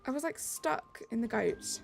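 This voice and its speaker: A British game streamer reads her chat out loud in a bubbly, casual way, light music behind her. Her voice is on the high side and animated, measured in pace, with vocal fry.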